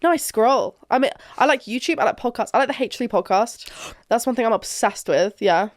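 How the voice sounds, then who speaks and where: A woman's voice: on the high side, brisk, no echo, clean studio sound. A woman chatting casually as a podcast guest, gossipy and giggly, peppering her talk with filler words. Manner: giggly, gossipy, heavy use of "like". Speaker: podcast guest, content creator.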